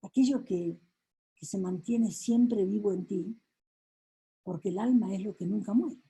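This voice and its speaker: A woman coach, telling a story to her audience with a soft, slow delivery. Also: mid-range voice, slightly rough, poor audio.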